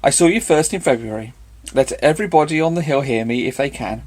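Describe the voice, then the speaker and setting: A man's voice: mid-range voice, a little fast, natural voice. A man playing an impudent young charmer.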